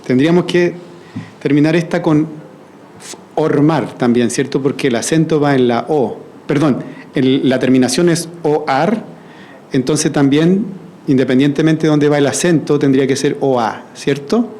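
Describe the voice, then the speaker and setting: A man runs a live verse-writing exercise with his audience, prompting and checking in constantly. His voice sits fairly high, but the tone is dark and mellow. A faint hiss lies under the recording. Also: normal speed, poor audio. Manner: coaxing, prompting the audience with frequent "¿cierto?". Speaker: workshop facilitator. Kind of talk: leading a group verse-writing activity. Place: event hall at a university launch.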